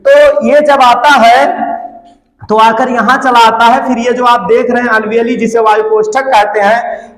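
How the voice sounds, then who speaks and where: A man's voice: very high-pitched, a bit bright. A man teaching a class, asking the students rhetorical questions and repeating each term. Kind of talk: classroom lecture. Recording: echoey room reverb.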